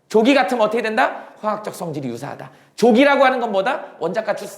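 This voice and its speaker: Animated male science teacher, echoey room. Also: sits high. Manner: explains in a casual speaking style, asks questions and then answers them himself. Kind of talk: classroom lecture.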